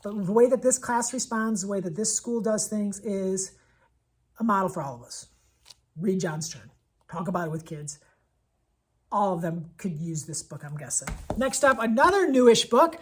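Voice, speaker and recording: In a casual vlog, a husky-voiced woman with a medium pitch speaks as an elementary school teacher recommending picture books. She is enthusiastic and conversational, repeating things for emphasis.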